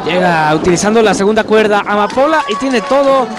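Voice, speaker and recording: A man's voice: sits high, animated, a little fast, heavy background noise. A man giving analytical wrestling commentary as the second commentator of a broadcast. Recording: loud crowd and music behind. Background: loud arena crowd and music.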